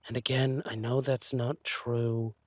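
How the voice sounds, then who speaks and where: A man playing an insecure, lovesick thief boyfriend in a romantic audio role-play, speaking haltingly and tenderly. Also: mid-range voice, flat delivery, no room sound, close to an everyday voice. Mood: insecure, downcast. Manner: hesitant, halting, sighing delivery.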